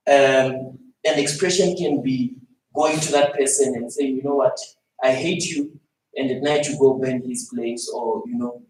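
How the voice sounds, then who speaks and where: A man's voice: medium pitch, a little mellow. A young man, a student, giving hesitant but earnest remarks full of fillers at a panel discussion. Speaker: student speaking from the floor. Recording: echoey hall, far from mic, faint noise.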